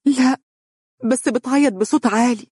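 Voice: medium pitch, rapid-fire, mellow, dry recording, studio quality, voice pushed up, natural voice. A narrator voicing a tearful middle-aged mother, speaking in an Egyptian accent with urgent, breathless pleading. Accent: Egyptian Arabic.

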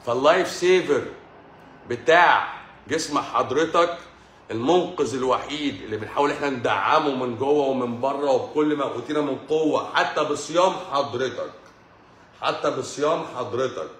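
On a livestream lecture with viewer questions, a man with an Egyptian Arabic accent discusses health, stressing and repeating his points and mixing in English medical terms. His mid-range voice is a bit bright at a moderate pace, captured by a livestream microphone in an echoey room.

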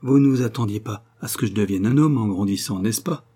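A man reading aloud and voicing an excited, breathless young woman, the heroine of the story. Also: fast, breathy edge. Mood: playful. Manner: high-pitched and breathless.

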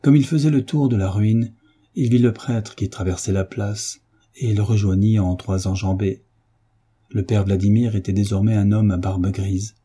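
A man narrating a classic novel in a measured, even reading as an audiobook narrator. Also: fairly low pitch, breathy edge. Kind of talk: scripted literary narration.

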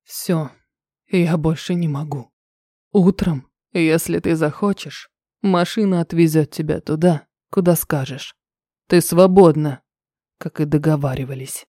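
Brooding shapeshifter man, voiced by a woman, low hushed intense voice, mellow tone, dry close sound. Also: unhurried, no echo. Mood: defeated. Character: brooding male shapeshifter husband, snow leopard.

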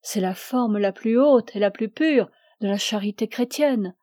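A man's voice: high voice, a little slow, a little mellow, dry recording, clean studio sound. A woman reading the part of an aging ascetic priest who preaches with solemn fervor. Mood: grave. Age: older. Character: aging ascetic male priest, imperious and pleading.

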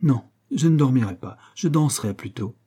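A man reading aloud voices an excitable young soldier nobleman with blustering, exclamatory speech. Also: mid-range voice, normal speed, breathy edge, voice pushed up.

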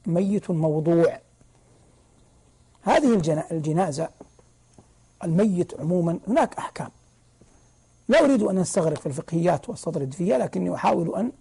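A man giving a religious lesson as a sheikh, explaining slowly and repeating key phrases for emphasis. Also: high-pitched, gravelly, darkish tone, husky, poor audio. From Saudi Arabia.

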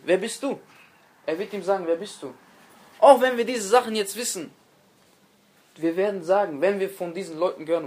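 A man giving a religious lecture, preaching earnestly, repeating key phrases and addressing his listeners directly, with dramatic stress on quoted speech. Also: high-pitched.

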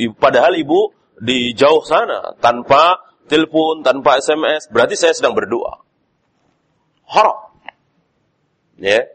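A man giving a sermon as a preacher, lively in delivery with frequent "ya" and rising stresses. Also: medium pitch, husky. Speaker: Islamic preacher.

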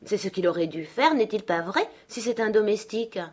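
A woman reader voicing a spoiled, haughty young girl who is quick to tears, speaking imperiously. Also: medium pitch, animated, a little mellow, pitched above the performer's own voice, natural voice. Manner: imperious, indignant. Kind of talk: audiobook character voice.

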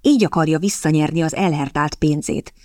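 A woman's voice: sits low, a little mellow, no echo, clean studio sound, close to an everyday voice. A woman voicing an agitated young army captain. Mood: urgent.

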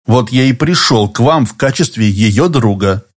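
Male narrator as composed lawyer; even, unhurried, persistent storybook voice. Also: mid-range voice, lightly acted. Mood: calm, insistent. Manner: even, deliberate and insistent.

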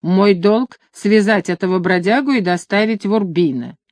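Woman reader doing a shrill fussy young nobleman, pompous and hot-headed, dry close audiobook sound. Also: normal speed, a little mellow, dry recording, natural voice. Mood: angry. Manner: shrill, indignant exclamations.

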